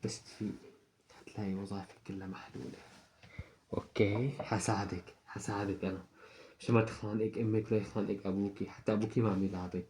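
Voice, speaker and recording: A man playing a soft-spoken secret friend, whispered role-play. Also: on the low side, little pitch movement, a little hiss or hum, natural voice. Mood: soothing. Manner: soft, slow, soothing. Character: gentle mysterious male secret friend, helpful.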